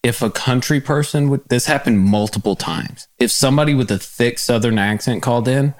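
A man's voice: medium pitch, brisk. A man hosting a podcast, telling stories in an easygoing way and laughing often. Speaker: podcast host. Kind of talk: casual chat.

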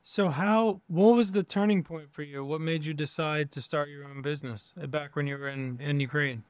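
A man's voice: fairly high pitch, normal speed, clean tone, no echo. A man hosting an interview podcast, upbeat and chatty as he welcomes and questions his guest. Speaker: podcast host.

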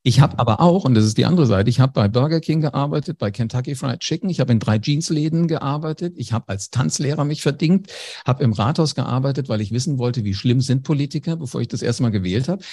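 A man's voice: mid-range voice, expressive, brisk, warm tone, breathy edge. A man, a former radio host, telling anecdotes in a casual interview, speaking directly to the listener. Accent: German.

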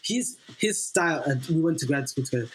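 Appearing as a podcast guest, a Swahili-speaking playwright talks earnestly, hesitating with fillers until he builds to emphatic repetition. His fairly high voice has lively intonation, and a little hiss or hum sits in the audio.

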